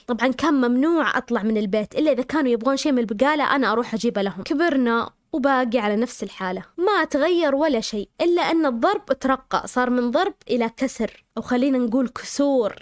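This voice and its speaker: A woman's voice: high voice, dry recording, clean studio sound. A young woman telling her own story in an emotional, confessional way. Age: young adult. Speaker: YouTube storyteller. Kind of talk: first-person story narration.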